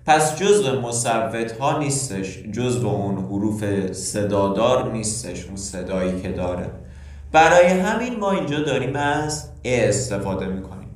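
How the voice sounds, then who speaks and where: A man's voice: mid-range voice, animated. Echoey man teaching grammar. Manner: explains step by step with questions to the learner. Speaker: English teacher. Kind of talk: grammar lesson. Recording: very echoey room, distant mic.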